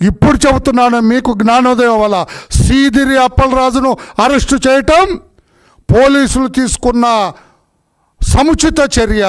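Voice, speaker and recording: A middle-aged man giving a heated political speech, scolding and accusing a rival in an indignant, repetitive way. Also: very high voice. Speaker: politician at a press conference.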